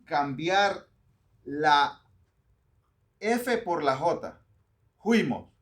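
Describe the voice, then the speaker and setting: Lively pastor giving advice. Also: male voice, fairly high pitch, measured pace. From Honduras. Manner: lively, joking, mimics accents and pronunciations. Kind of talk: teaching talk to church readers.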